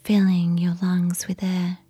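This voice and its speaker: A woman telling a sleep story in a soft, soothing unvoiced whisper, guiding relaxation. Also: lowish voice, completely flat delivery, unhurried, breathy edge, soft background music.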